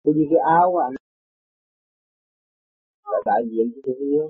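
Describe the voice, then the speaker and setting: A man giving a measured, didactic spiritual teaching. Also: medium pitch, husky. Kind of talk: religious teaching. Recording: phone-like sound, faint music.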